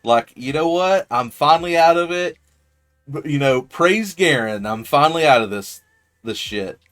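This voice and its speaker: A man's voice: a little high, expressive, normal speed, a bit bright. A man putting on a foul-mouthed fed-up village wife. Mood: scornful. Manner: crude, blunt, cursing.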